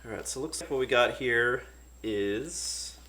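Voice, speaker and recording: A man's voice: medium pitch, a little slow. Man thinking aloud in an echoey room. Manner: relaxed, thinking aloud, many fillers. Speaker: board game streamer. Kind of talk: casual unboxing commentary.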